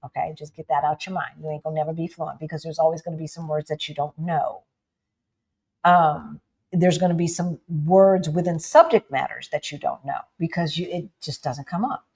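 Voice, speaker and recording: Co-hosting a livestream, a woman from the United States talks with casual energy and animation. She laughs often and addresses her audience as "y'all". Her voice is low-pitched and husky.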